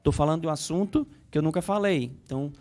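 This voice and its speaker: A male psychologist with a Brazilian Portuguese accent, talking through his points in an interview. His voice sits a bit higher than most men's, and he circles back on words while he thinks, sometimes voicing a worried inner dialogue. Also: quick pace, a little mellow. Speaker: psychologist guest. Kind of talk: conversational interview.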